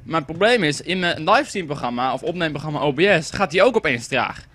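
Fast-talking young man gaming. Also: fairly high pitch, lively intonation, fairly bright tone. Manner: chatty, rambling, swears when the game lags. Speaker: gaming commentator. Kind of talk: casual let's-play commentary.

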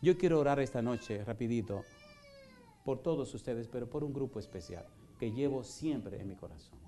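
A middle-aged male pastor preaching an evangelistic sermon in a church, firing rhetorical questions and moving from loud preaching to soft pleading. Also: mid-range voice, lively intonation, normal speed, slight background noise. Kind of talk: evangelistic sermon with altar call. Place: church in Houston, Texas.

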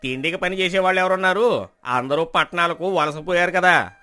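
A man playing an arrogant landlord, scornful, haughty, dismissive, soft music under him. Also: sits high, a little fast. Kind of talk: storybook drama acting.

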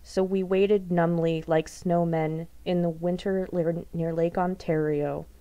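A woman reads her own poem in a slightly low voice, taking her time over every line. Her delivery is measured and deliberate, and she lets repeated phrases build. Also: fairly even intonation, dark tone, muffled recording. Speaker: poet. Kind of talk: poetry reading.

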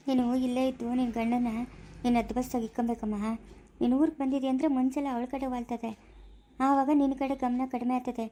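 A woman playing an older village mother who gives calm, firm advice to her daughter in low, steady tones. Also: a little hiss or hum, close to an everyday voice. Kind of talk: amateur family drama acting.

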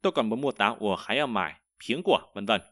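A man teaching a vocabulary lesson, explaining each word and repeating example sentences slowly, with frequent hesitations. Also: lowish voice, expressive, a bit bright, dry recording, studio quality. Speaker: Chinese teacher.

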